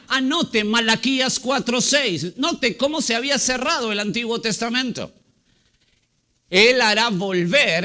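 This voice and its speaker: A man pastor preaching a Sunday sermon to his congregation. He asks rhetorical questions, repeats key words and slows down to stress them. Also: high-pitched, pushed and bright. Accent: Latin American Spanish. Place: church.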